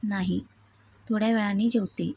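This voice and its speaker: A woman voicing a tearful, sulking young wife in a read-aloud story, in a soft, husky voice. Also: mid-range voice, fairly even intonation, moderate pace. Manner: soft, plaintive read dialogue.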